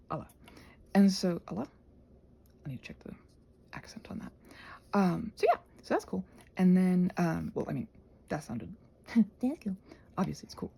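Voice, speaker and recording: An ASMR creator and host rambles casually in a low, soft, breathy voice that often slips into a whisper. She thinks out loud and questions herself as she goes.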